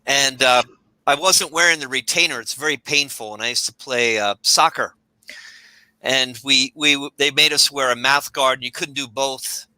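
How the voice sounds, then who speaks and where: A man's voice: mid-range voice, normal speed, sharp tone, clear, resonant tone, dry recording, rough recording. A man telling a casual, hesitant personal story to an improv audience. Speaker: improv performer. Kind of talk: comedy monologue to audience.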